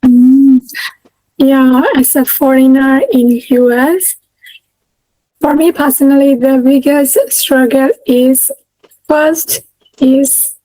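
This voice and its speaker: A woman in her thirties from Myanmar, speaking with a Burmese accent, is a guest answering questions in a casual interview over a video call, stumbling through fillers and restarts. Her voice sits high with a dark tone. There is no echo, though the recording quality is low.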